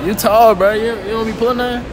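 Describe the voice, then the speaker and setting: Teen man, street interviewer, joking manner, high pitch, noisy mall background. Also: steady tone, fast. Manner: joking, teasing, laughs often. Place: large indoor shopping mall. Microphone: handheld phone.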